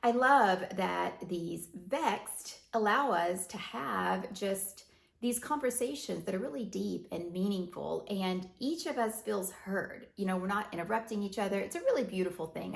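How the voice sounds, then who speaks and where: Woman, casual rambling monologue, gravelly edge, echoey room. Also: mid-range voice, moderate pace. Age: adult with teenage daughter. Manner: rambling, chatty, laughs often. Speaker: podcast host. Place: home office with windows.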